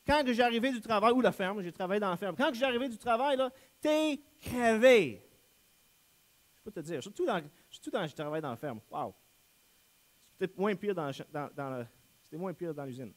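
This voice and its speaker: A young man preaches a sermon as a guest pastor, his voice sitting high for a man. He drives each point home with earnest, emphatic repetition and now and then stops to correct himself mid-phrase. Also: animated, fast talker. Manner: earnest, emphatic preaching with repeated refrains and a few self-corrections.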